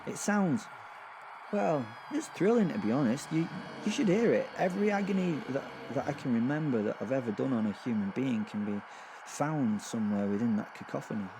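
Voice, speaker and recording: Mid-range, animated and brisk, this man's near-everyday voice comes with background noise. He voices a gleeful, sadistic werewolf killer narrating a horror audio drama, rambling conversationally with hesitant, amused understatement in a mood of gleeful awe.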